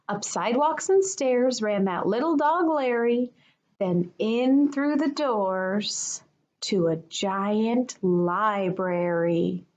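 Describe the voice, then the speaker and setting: This kindergarten teacher has a mid-range voice and reads a children's picture book with plenty of expression for her young audience.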